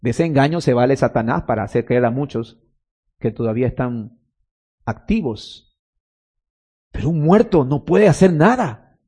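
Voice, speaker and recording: A man's voice: mid-range voice, lively intonation, normal speed, long pauses, mellow, husky. A man preaching a sermon as pastor, telling stories and rising into emphatic calls.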